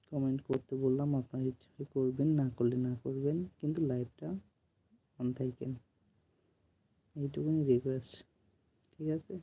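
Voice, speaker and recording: A man doing a late-night live stream from home, speaking softly so he won't wake the household and repeatedly asking viewers to comment. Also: medium pitch, vocal fry, husky, muffled recording. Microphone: phone.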